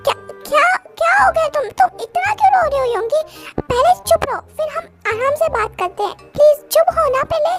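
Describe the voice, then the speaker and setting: A performer doing a gentle, soothing young woman. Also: very high voice, brisk. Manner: calming and scolding gently. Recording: music playing behind.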